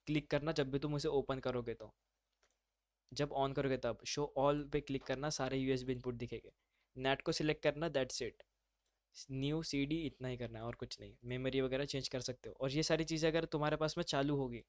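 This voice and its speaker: A man's voice: medium pitch, dry recording. A man teaching a live online class, talking students through steps in an informal, chatty way. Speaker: instructor.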